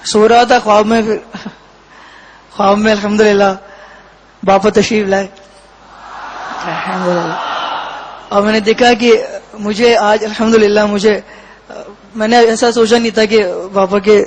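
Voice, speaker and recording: A man with a fairly high voice recounts his own experience as an interview guest. He speaks in a flat, level tone, pausing often and searching for words between short phrases. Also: slight background noise, low-quality recording. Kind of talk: personal testimony.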